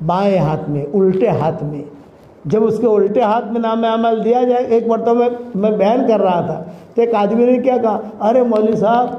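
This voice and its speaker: High-voiced impassioned male preacher. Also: steady tone, roomy sound, lo-fi sound. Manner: impassioned, shouted exhortation with chanted scripture. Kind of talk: sermon.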